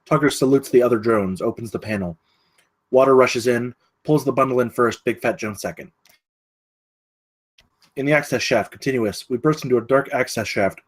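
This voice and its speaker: At a table read, a man with a mid-pitched voice narrates, reading out the screenplay's scene headings and stage directions at a moderate pace.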